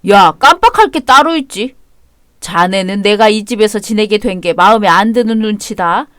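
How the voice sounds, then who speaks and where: An actor voicing an older father-in-law who is blunt and domineering, talking in a gruff, commanding way. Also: medium pitch, moderate pace, a bit bright, dry recording, clean studio sound, lightly acted. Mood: scolding.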